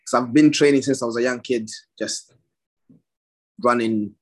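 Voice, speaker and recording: A man's voice: mid-range voice, steady tone, moderate pace. A young man from Somalia, a professional boxer, giving short plain answers in a casual interview and laughing often.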